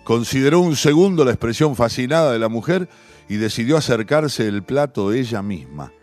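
Rioplatense male storyteller, mid-pitched, soft music bed. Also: lively intonation, normal speed. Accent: Rioplatense Spanish. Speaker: narrator. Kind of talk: audiobook story reading.

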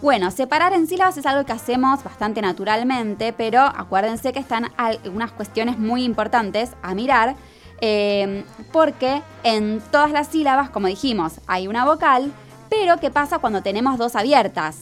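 An Argentine woman teaches a broadcast lesson in a fairly high voice. She explains patiently and step by step, checking in often with her listeners. Faint music plays underneath. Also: lively intonation, normal speed. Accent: Argentine Spanish.

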